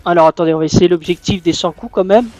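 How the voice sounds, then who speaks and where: A man giving live gameplay commentary as a gaming YouTuber, raging and swearing with loud exclamations. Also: sits high, fast talker.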